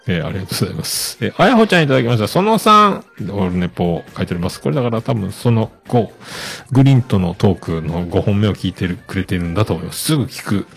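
A man hosting a podcast, chatting casually as he reads out listener messages with many relaxed fillers. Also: on the low side, fast talker, gravelly, breathy edge, faint music behind. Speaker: podcast host.

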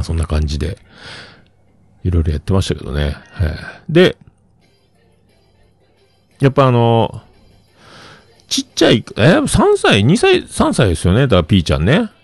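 Guy in his 50s, deep voice but swings all over, dry close sound, rambly story chat. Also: normal speed, gravelly, pauses often, breathy edge, no room sound. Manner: animated, rambling anecdotes with many fillers. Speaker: livestream host. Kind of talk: casual solo storytelling.

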